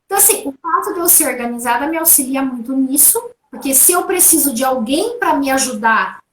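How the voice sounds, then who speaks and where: High-voiced woman telling stories in an echoey room. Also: brisk, slight background noise. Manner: relaxed, anecdotal storytelling. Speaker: guest speaker. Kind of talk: conversational interview answers. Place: at home.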